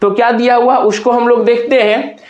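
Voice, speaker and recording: High-voiced man teaching in an echoey room. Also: level tone, moderate pace, darkish tone, muffled recording. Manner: explanatory, spells words letter by letter; addresses students as "bhaiya". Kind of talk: exam-prep lecture.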